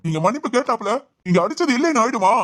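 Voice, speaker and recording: A woman voicing a middle-aged father in an animated family drama, speaking earnestly and with hurt. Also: fairly high pitch, very fast, faint music behind, close to an everyday voice. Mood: aggrieved. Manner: earnest, pleading.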